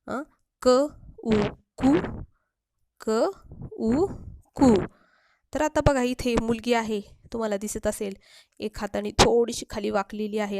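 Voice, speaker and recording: A woman teacher giving a patient spelling lesson for children, repeating syllables slowly and stretching sounds. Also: mid-range voice, noisy background.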